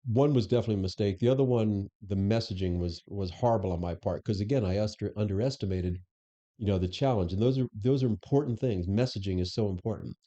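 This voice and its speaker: A middle-aged man with a deep, very dark and mellow voice tells stories as a guest. He acts out old conversations as he goes. The sound is a bit dull and lo-fi. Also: fast talker. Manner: anecdotal, acts out quoted dialogue. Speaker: interview guest, former police superintendent. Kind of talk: conversational storytelling.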